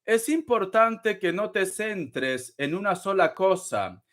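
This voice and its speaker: A man with a high, light voice hosts a live tarot reading. He teases his viewers, calls them darling, and breaks into frequent laughter. His delivery is dramatic and chatty. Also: lively intonation, slow pace, a bit bright. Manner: laughs often between phrases. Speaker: tarot reader.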